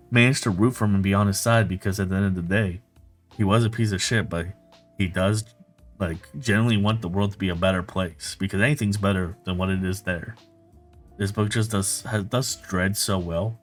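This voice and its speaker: Deep voice dude talking books, loose and sweary, lots of likes, quiet music behind. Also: male voice. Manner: casual and profane, full of fillers and restarts. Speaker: book reviewer. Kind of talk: casual video monologue.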